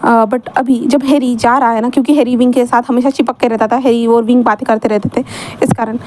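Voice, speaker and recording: A woman's voice: on the high side, fairly even intonation, a little fast, darkish tone. A woman narrating a fan-fiction story in a chatty, casual way, mixing in English words.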